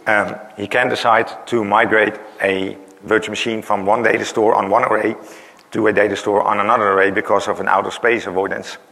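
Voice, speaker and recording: A man delivers a technical conference talk in a large, reverberant hall while losing his voice. Fairly low-pitched, gravelly, bright and forceful, he speaks briskly with a flat delivery, peppering his explanation with "uh"s and "right?" tags.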